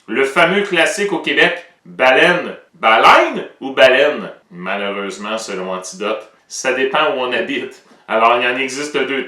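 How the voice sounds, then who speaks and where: Playful Québécois man, bright roomy sound. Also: mid-range voice, recorded from a distance. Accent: Québécois French. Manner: playful, joking, lively. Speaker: educational show presenter. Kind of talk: casual educational explainer.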